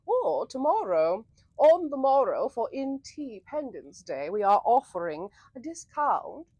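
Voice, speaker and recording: A woman hosting an interactive story livestream in a theatrical, flowery old-fashioned manner, with a breathy voice. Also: a little high, big pitch swings, a little slow, dark tone, dry recording.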